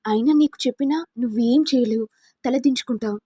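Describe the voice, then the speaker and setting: Woman reading a scheming young woman, pleading and self-pitying, slightly high, husky, dry sound. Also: fairly quick, mellow, no echo.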